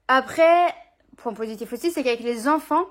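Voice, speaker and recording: A woman's voice: high voice, normal speed, slight background noise. A young woman vlogging at home, chatting casually in an informal, slangy way with lots of fillers. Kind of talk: casual chat. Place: at home with her dog.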